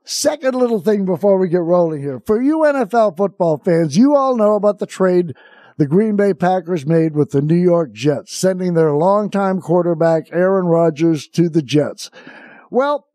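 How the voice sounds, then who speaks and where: A man's voice: high-pitched, lively intonation, normal speed, mellow, no echo, studio quality. A man hosting talk radio, delivering an exasperated, incredulous comic rant off the cuff, rambling through asides and rhetorical questions. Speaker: radio talk show host.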